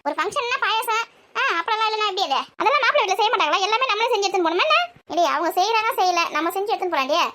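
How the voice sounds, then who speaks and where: A woman's voice: very high voice, lively intonation, heavy background noise. A woman, playing a village housewife who nags and scolds in everyday family banter. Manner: scolding, nagging, quick back-and-forth.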